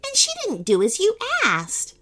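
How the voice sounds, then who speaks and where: A woman voicing a hopeful, cheerful little gingerbread boy in a storybook, eager and bright. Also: fairly high pitch, wildly swooping pitch, normal speed, breathy edge, heavily acted.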